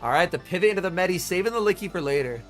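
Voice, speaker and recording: Here a young man who's slightly ill excitedly chats through a tournament watch party on stream, answering viewers by name. His pitch is high and his delivery races along, with faint music in the background.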